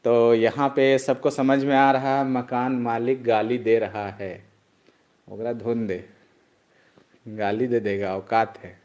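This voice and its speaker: A man teaching an online chemistry class. He drills students loudly in call-and-response and chides them as he goes. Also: mid-range voice, flat delivery, takes it slowly.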